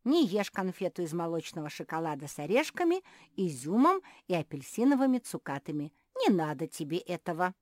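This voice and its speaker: A woman's voice: fairly low pitch, big pitch swings, brisk, darkish tone, no echo, studio quality. A woman voicing a tiny, kind male gnome who is eager to help. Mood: cheerful.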